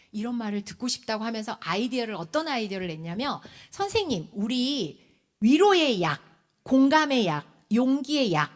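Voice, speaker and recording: A woman in her forties giving a lecture on parenting at a church, acting out what children and parents say. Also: fairly high pitch. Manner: animated, acts out children's and parents' lines.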